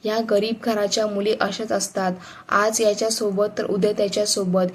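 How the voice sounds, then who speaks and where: A woman voicing an angry, domineering older man who scolds and sneers, read in her own steady storytelling voice. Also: mid-range voice, normal speed, natural voice. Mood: angry scorn. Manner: scolding, contemptuous.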